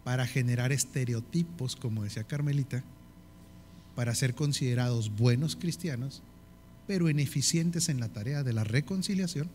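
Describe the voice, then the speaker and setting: With a northern Mexican Spanish accent, a man teaches a leadership course in the style of a sermon, often checking in with the audience and listing items in repeated phrases. His voice is medium-pitched and darkish, at a moderate pace, with slight background noise.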